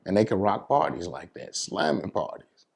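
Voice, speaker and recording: Being interviewed, this American DJ and entertainer explains himself in a relaxed way, repeatedly asking "you know what I'm saying." He has a low, gravelly, slightly mellow voice with a breathy edge, and he speaks at a moderate pace with a lot of animation.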